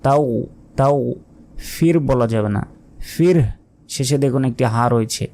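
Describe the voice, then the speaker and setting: A man teaching Quran recitation, spelling out each letter and vowel mark before sounding the word slowly. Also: medium pitch, a little mellow. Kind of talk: slow letter-by-letter recitation lesson.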